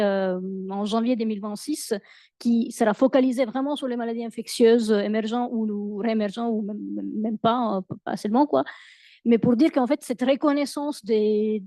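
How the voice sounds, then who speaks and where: A woman speaking French as a non-native with a foreign accent, answering at a conference in a halting way, searching for words. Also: fairly high pitch, warm tone, no room sound. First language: not French. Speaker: academic panellist.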